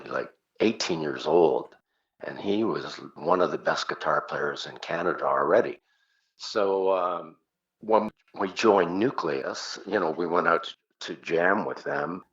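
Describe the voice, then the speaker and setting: On a dull, muffled recording, a rock singer being interviewed shares memories in easygoing conversation, voicing short quotes as he tells his stories. His deep, fairly bright voice has lively intonation and an unhurried pace.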